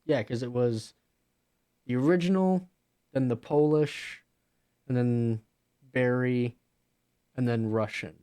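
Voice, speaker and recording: Male streamer, relaxed reaction commentary, mid-pitched everyday voice. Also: takes it slowly, long pauses, smooth. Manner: casual, musing, thinking aloud. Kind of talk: casual live-stream reaction chat.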